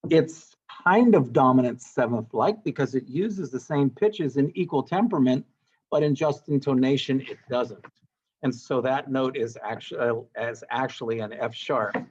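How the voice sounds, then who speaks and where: A male music teacher giving a classroom lecture, explaining as he goes with fillers and self-corrections. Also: medium pitch. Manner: explanatory, thinking aloud with fillers and asides. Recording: dull lo-fi sound with loud guitar and instrument music.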